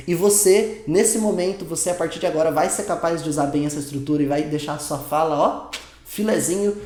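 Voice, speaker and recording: Upbeat Brazilian teacher in an echoey room. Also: male voice, sits high. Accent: Brazilian Portuguese. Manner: lively, chatty teaching with quick bursts and slow drawn-out examples. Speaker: English teacher. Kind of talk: casual online language lesson.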